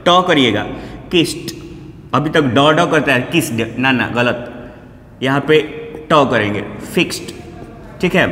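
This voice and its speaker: A man's voice: on the high side, a bit bright. A man teaching English pronunciation in Hindi, patiently repeating each example word several times. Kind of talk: Hindi-language pronunciation lesson. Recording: echoey room with long reverb, faint background noise.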